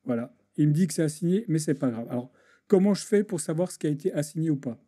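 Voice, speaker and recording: Hesitant man with a dark voice. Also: fairly high pitch, lively intonation, quick pace, breathy edge. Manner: hesitant, many restarts and fillers, talks while clicking. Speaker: video editing tutor. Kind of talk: screen-recorded software tutorial.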